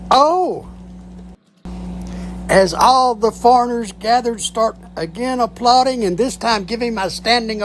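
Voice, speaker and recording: Brief: unhurried joke teller who acts out punchlines, gravelly voice at a middle pitch. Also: slight background noise. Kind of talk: telling jokes.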